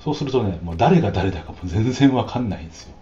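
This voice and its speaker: A man hosting a casual solo podcast, talking in a chatty way with frequent drawn-out "um" fillers. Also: on the low side, animated, warm tone, echoey room, highs cut off, slight background noise. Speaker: podcast host.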